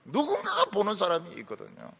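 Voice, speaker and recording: A middle-aged man delivers a sermon with a storyteller's sense of humor, slipping into quoted voices. His voice sits somewhat high and leaps around dramatically, from bright outbursts down to near mutters. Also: huge pitch swings, quick pace, vocal fry, husky. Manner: storytelling with acted quotes and humor, voice rising and dropping sharply. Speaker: pastor.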